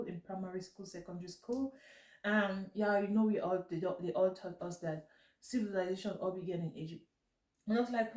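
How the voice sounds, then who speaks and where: A woman with a soft, mellow voice chats casually to her viewers, rambling and correcting herself. Her nose is stuffed up, so she does mouth breathing as she speaks. The recording is echoey, picked up some way from the microphone. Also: medium pitch. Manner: mouth breathing while talking. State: congested blocked nose, breathing through the mouth. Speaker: vlog host. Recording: echoey room, distant mic.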